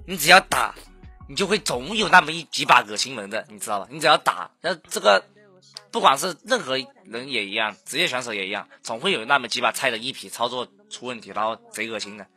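A man's voice: mid-range voice, expressive, quick pace, pushed and bright, slightly rough, soft background music. A young man streamer on a voice call, comforting a friend in a blunt, rambling way with casual swearing and teasing.

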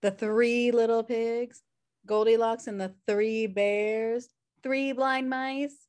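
At home in an indoor room on a video call, a woman reads the role of a flippant, wisecracking slacker sister, an adult twin, in a sitcom table read. Her voice is a little high and darkish, with fairly even intonation and a slow pace.

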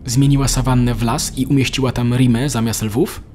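A man's voice: mid-range voice, steady tone, a little fast, a little mellow, a little hiss or hum, natural voice. A man voicing a worried middle-aged mother in a storybook reading. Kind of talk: storybook narration.

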